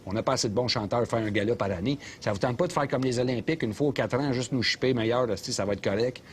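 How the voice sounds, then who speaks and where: An actor with a Québécois accent playing a loud, opinionated middle-aged taxi driver who rants and mocks sarcastically, in a comedy sketch filmed inside a cab. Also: male voice, medium pitch, quick pace, slight background noise, natural voice. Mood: ranting. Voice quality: sarcastic ranting, mocking.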